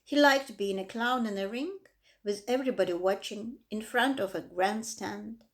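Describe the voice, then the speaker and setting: A woman reading a children's book aloud with expressive, dramatic emphasis. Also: medium pitch, normal speed. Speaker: reader. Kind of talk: storybook read-aloud.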